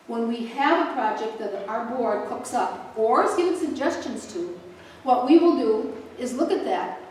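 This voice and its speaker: Older woman, event host, chatty and joking, slightly high voice, recorded from far back in a very echoey hall. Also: a little hiss or hum. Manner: chatty, joking, with asides and laughs. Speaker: host introducing a speaker. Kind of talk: casual welcome speech to a live audience. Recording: echoey room picked up from a distance.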